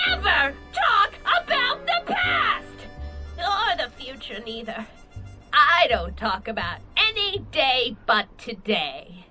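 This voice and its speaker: A stern old frontier hermit woman in a video game. Her high voice swings widely as she scolds in folksy talk. Clear music plays behind her.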